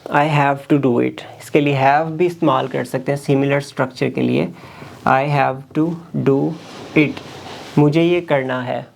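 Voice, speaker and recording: Guy teaching a language class, super slow, bit of vocal fry, keeps drilling example lines. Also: medium pitch, steady tone. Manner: slow, deliberate, repeats example sentences; switches between explaining and drilling examples. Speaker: English teacher. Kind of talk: spoken language lesson.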